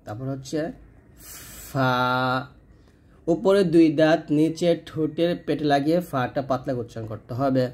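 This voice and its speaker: Guy teaching quran reading, kinda high voice, patient, drags out each letter sound slow so you can copy it. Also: dark tone. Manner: drawn-out, demonstrative letter sounds repeated slowly; patient, explanatory. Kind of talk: step-by-step pronunciation lesson.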